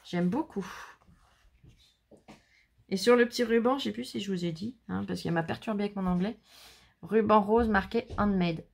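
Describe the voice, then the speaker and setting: A woman's voice: mid-range voice, fairly quick, creaky, long pauses, darkish tone, husky. A woman hosting her crafting channel, chatting casually and effusively while showing handmade cards and teasing someone off camera. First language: French. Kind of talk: casual unboxing chat.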